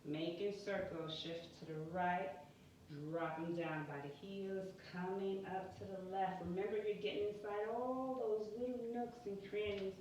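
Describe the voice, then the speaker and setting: A woman guiding an exercise class in a careful, unhurried, deliberate way, cueing step by step in short phrases. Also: mid-range voice, steady tone, darkish tone. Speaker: yoga and pelvic floor exercise instructor. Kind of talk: guided exercise instruction. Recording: very echoey room, distant mic, muffled, faint noise.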